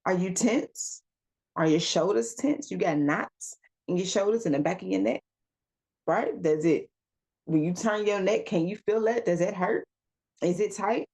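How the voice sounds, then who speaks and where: A woman's voice: medium pitch, gravelly, darkish tone. A woman giving a casual self-help talk as a wellness coach, firing off questions and calling listeners y'all and baby. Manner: asks rapid rhetorical questions, calls listeners y'all and baby; emphatic, coaching.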